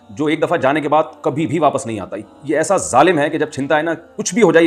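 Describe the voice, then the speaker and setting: A man, an Islamic scholar answering listeners' questions in a lecturing manner and reciting Arabic lines slowly. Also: medium pitch. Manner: lecturing, quotes Arabic verse slowly and clearly. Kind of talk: religious Q&A talk.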